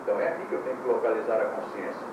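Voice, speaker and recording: Male yoga teacher, lecture style with light humor, off an old VHS tape: a boomy room, the mic far off, tape hiss underneath. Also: heavy reverb. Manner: explains with quick bodily demonstrations and light humor. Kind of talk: classroom lecture.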